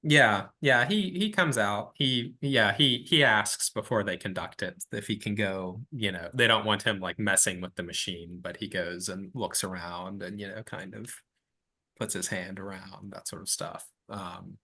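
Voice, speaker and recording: A man narrating as game master in a tabletop horror game, halting and restarting as he describes the scene. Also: lowish voice, sharp tone. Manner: halting, many fillers and restarts.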